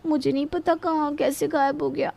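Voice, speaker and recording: Give me a woman playing a timid young daughter-in-law in a cartoon, high-pitched and pleading. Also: little pitch movement, moderate pace, creaky, a little mellow. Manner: pleading, meek. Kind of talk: cartoon voice acting.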